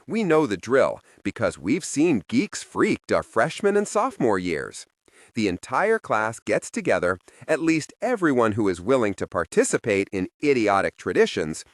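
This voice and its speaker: A man narrating a first-person audiobook in a wry, expressive storytelling manner, close to the microphone. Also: mid-range voice, no echo.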